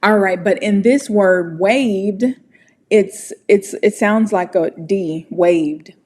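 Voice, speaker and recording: This American teacher, from the United States, coaches English pronunciation during a casual online class. She sounds warm and supportive, her mid-range voice slightly mellow, her delivery unhurried and careful.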